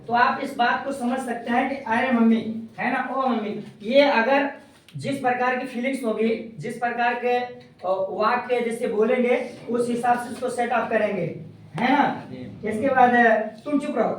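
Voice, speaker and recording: Man as a patient English tutor, slow pace, heard from a distance in a booming room. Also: fairly even intonation, slight background noise. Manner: slow, repeats each phrase, often ends with a checking tag. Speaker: English teacher. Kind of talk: classroom-style spoken English lesson. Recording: very echoey room, voice from far off.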